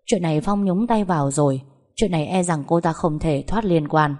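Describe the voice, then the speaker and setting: Woman narrating a drama story, low-pitched. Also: normal speed, dark tone. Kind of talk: scripted audio-story narration.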